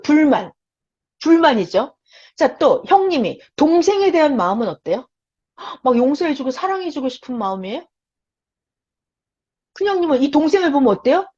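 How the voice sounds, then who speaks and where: A Bible teacher gives a lecture for beginners, telling a story with animation and quizzing her listeners. Her voice sits high with a breathy edge, captured on a lo-fi, dull recording.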